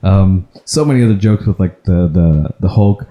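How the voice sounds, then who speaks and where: Guy cohosting a nerdy podcast, lowish dark voice, laughs a lot, kinda roomy echo. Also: normal speed. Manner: chatty, laughs often, trails off mid-sentence. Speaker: podcast co-host. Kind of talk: casual chat about movies.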